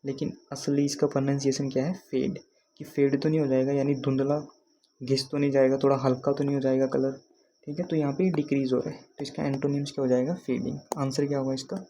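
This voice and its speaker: A man's voice: mid-range voice, flat delivery, fast talker, dark tone, slight background noise. A man from Haryana teaching an exam prep lesson, patiently repeating questions to his students. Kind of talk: explaining lesson.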